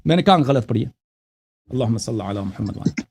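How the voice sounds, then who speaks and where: A man's voice: mid-range voice, lively intonation, a little mellow, breathy edge. A man hosting a call-in religious debate, cutting the caller off and reciting scripture aloud. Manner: interrupts often, commanding, reads scripture aloud in Arabic. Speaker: call-in show host.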